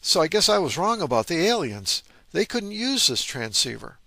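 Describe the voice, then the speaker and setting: A man with a fairly high, creaky, bright, forceful voice and big pitch swings speaks at normal speed, with no echo. He hosts a vintage radio hobby channel, narrating informally about the gear with an enthusiast's interest and wry asides.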